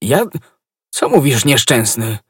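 A man's voice: medium pitch, big pitch swings, slow pace, breathy edge, no echo, studio quality, heavily acted. A man doing an eager young swordsman. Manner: urgent, earnest. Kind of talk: audiobook reading.

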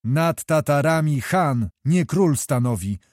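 A proud old Tatar commander, haughty and quick to rage, voiced by a male audiobook reader. The voice is mellow and dark in tone. It sounds close and dry, with no room around it. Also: a little high, lively intonation, no echo. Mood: defiant. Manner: haughty, then shouts in fury. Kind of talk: audiobook character voice.

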